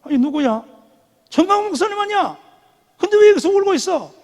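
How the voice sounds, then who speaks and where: A man voicing an elderly pastor's wife who scolds her husband in a bustling, chiding way, raising his voice high. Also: fairly even intonation, brisk, mellow, in a large hall. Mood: scolding.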